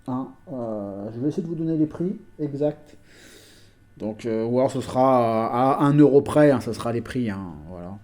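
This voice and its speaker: A man's voice: medium pitch, expressive, normal speed, warm tone. A man chatting casually at home as a collector vlogger, hesitant and talkative, with many fillers and restarts. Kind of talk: casual chat.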